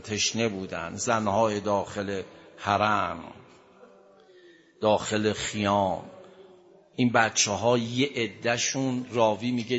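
A man's voice: on the low side, a bit bright. A man delivering a mourning sermon, a preacher recounting a tragic story with impassioned, tearful emotion. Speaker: religious preacher reciting a lament. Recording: dull lo-fi recording.

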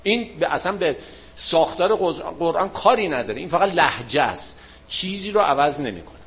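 A man teaching a religion class, answering students' questions in a relaxed, colloquial way and leaning on everyday examples. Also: fairly high pitch. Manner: closes with a chanted-style supplication.

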